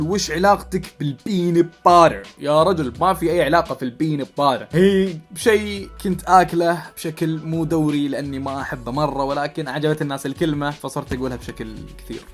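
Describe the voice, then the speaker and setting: A man in his twenties with a Saudi Arabic accent, a YouTuber casually answering viewer questions, reading each one out a bit louder before replying offhand. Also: medium pitch. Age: 20s. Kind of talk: casual Q&A vlog.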